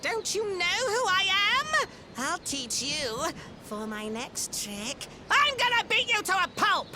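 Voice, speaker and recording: An actor voicing a small, mischievous devil monster in a video game, shrill and cackling, with a boastful theatrical manner. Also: expressive, takes it slowly, noisy background. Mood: indignant menace. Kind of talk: exaggerated video game voice acting. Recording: loud game music behind.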